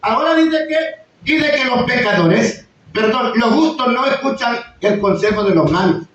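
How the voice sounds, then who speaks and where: A man preaching a sermon, bursting into sudden high exclamations and acting out quoted voices. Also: animated, unhurried, a bit bright. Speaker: pastor. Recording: echoey far-off room mic, slightly dull, faint noise.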